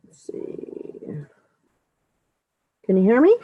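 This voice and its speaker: A woman hosting a casual live stream, checking her audio, her voice muffled as if heard through a wall. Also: very slow. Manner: chatty, fussing over audio checks. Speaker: livestream host. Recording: muffled phone-like dry audio.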